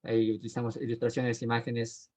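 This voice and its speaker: A man teaching a homiletics class, explaining his points plainly and often pausing with fillers and restarting his sentences. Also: medium pitch, monotone, darkish tone. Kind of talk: recorded class lecture.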